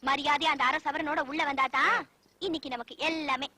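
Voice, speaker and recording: An actress playing a stubborn young bride who talks firmly and scolds. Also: female voice, high voice, fairly even intonation, brisk, pushed and bright. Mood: scolding. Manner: firm, scolding.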